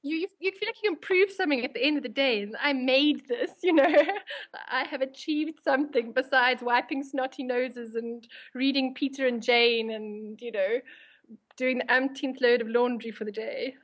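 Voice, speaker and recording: A woman with a South African accent and a high voice talks as a guest in an interview. She answers casually, in everyday conversational language. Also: fairly even intonation, normal speed, a bit bright.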